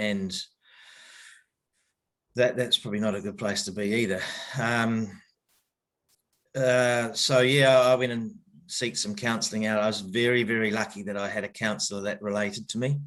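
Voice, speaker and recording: On a rough recording, a middle-aged New Zealander, a cricket coach appearing as a podcast guest, tells his story in a lowish, flat, fairly bright voice without hurrying. He's hesitant, with lots of fillers and restarts, yet open and reflective.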